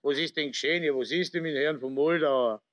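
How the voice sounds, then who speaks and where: Man acting a flustered, high-pitched Austrian manager. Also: fairly bright tone, no echo, lightly acted. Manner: agitated, rapid anxious questioning. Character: flustered, inquisitive Viennese café manager.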